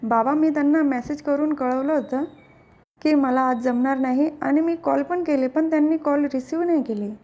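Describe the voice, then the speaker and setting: A woman's voice: high voice, steady tone, normal speed, dark tone, highs cut off, natural voice. A woman voicing an earnest, playful young husband who explains himself to his family.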